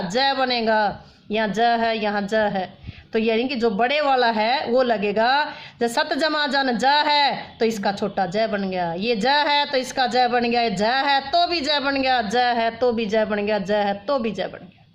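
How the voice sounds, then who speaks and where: High-voiced woman teaching grammar slowly. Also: fairly bright tone. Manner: explains step by step, repeats rules with examples. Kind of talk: grammar lesson. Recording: dull lo-fi sound.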